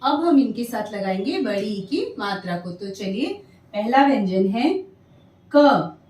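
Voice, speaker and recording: A woman teaching young children, drawing out each syllable slowly and clearly. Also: mid-range voice, lively intonation, a little mellow, echoey room, recorded from a distance. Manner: slow, drawn-out sounding of syllables. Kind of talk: children's lesson.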